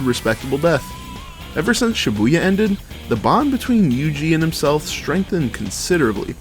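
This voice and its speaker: Man, video review host, scripted commentary, mid-pitched voice, enthusiastic slangy delivery, faint background music.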